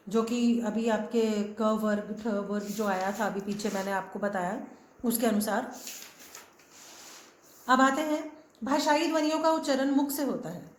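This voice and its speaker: A woman's voice: a little high, echoey room. A woman teaching a grammar lesson, patiently sounding out letters one at a time and slipping English words into her explanations. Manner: mixes English words into Hindi. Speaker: Hindi teacher. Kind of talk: classroom-style grammar lesson.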